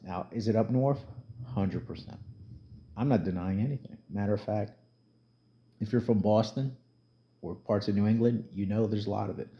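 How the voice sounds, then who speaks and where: A middle-aged man from New Jersey, USA, talks in a low voice, delivering blunt vlog commentary over dull, lo-fi sound. He's a YouTube commentator whose casual spoken commentary comes as emphatic, plain-talking rants in a conversational tone.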